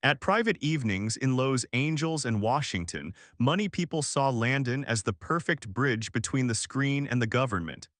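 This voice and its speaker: A man reading a scripted documentary narration in a measured, dramatic storytelling manner. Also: medium pitch, lively intonation, fairly bright tone, no room sound, studio quality.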